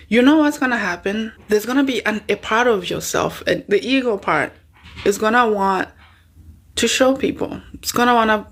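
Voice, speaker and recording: A woman's voice: mid-range voice, gravelly, a bit bright. A woman speaking as a spiritual coach, teaching informally in an emphatic, conversational way and drawing out key words. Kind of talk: informal spiritual teaching talk to an online audience.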